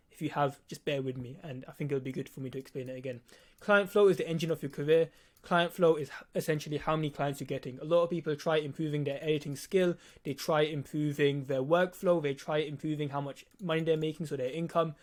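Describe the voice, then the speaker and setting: A nineteen-year-old guy with a lisp runs his own channel as a video editor and teaches viewers bluntly and casually, swearing and repeating points for emphasis. His voice sits a little high and sounds a little mellow.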